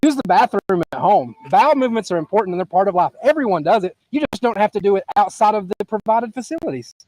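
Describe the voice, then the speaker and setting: A man playing a concerned citizen, scolding in a deadpan way outdoors. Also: high voice, quick pace. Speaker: concerned citizen in comic video.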